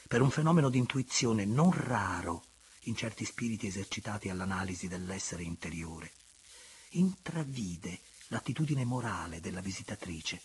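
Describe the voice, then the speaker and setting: Low-voiced man narrating a novel. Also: slight background noise. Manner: measured, expressive, at times hushed. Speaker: audiobook narrator. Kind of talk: literary audiobook narration.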